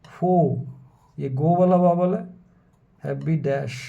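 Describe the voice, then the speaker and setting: Slow gravelly shorthand teacher. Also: male voice, fairly high pitch. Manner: methodical, repeats words slowly for students. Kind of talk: whiteboard lesson explanation. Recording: dull lo-fi sound.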